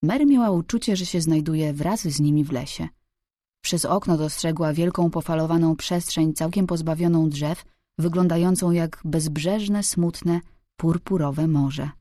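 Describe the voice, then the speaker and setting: A woman reading a novel aloud as an audiobook narrator, calm and even. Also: deep voice, a little slow, no room sound, clean studio sound. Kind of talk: scripted narration.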